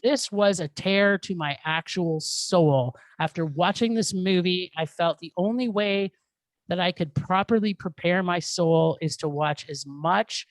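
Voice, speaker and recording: A woman co-hosts a casual film review podcast, ranting with exasperation and lots of swearing. Her voice is fairly low and measured, recorded on a studio mic with no echo.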